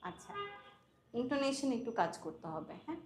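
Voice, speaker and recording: A woman with a Bangladeshi accent teaching spoken English, patiently correcting students and slowly modelling phrases. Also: high-pitched, sing-song, darkish tone, reverberant, a little hiss or hum. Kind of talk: language coaching in class.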